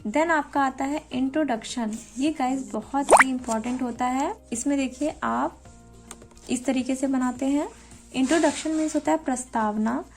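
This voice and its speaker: Young woman, teacher trainee, high-pitched, creaky voice, explanatory tutorial, slow careful reading of quoted lines. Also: music in the background. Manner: explanatory, addresses viewers directly; reads quoted English lines slowly and deliberately. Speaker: teacher-training student explaining a lesson plan. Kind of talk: spoken tutorial walkthrough.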